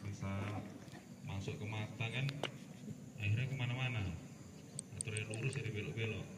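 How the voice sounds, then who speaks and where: A man's voice: fairly low pitch, steady tone, moderate pace. Man, lecturing students, firm, corrective, assembly speech, distant mic, noisy. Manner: firm and corrective, with casual asides. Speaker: speaker addressing students at a school assembly. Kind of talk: lecturing, giving instructions. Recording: echoey, far from the mic, noisy.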